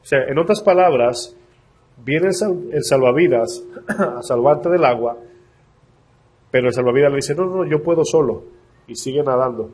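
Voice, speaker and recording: A man preaching a sermon in a church, his voice husky and a little stuffed up. He speaks earnestly to the congregation and slows down when he reads scripture. His pitch sits in an ordinary middle range. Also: darkish tone. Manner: slows down to read scripture aloud. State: congested. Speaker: pastor.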